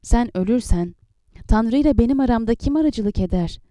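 A woman's voice: a little high, animated, moderate pace, warm tone, dry recording, close to an everyday voice. Woman reading as an earnest young warrior captain.

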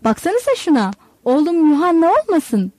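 A woman's voice: on the high side, expressive, fairly quick, mellow, no room sound. A woman voicing a crafty, bossy old male fisherman who sweet-talks and gives orders. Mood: excited. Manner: sly, bossy, sweet-talking.

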